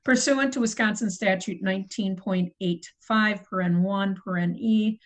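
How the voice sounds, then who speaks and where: A woman's voice: medium pitch, normal speed, rough recording. A middle-aged woman chairing a city committee meeting over a video call, reading agenda items in a procedural way and correcting herself as she goes. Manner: procedural, apologetic, self-correcting.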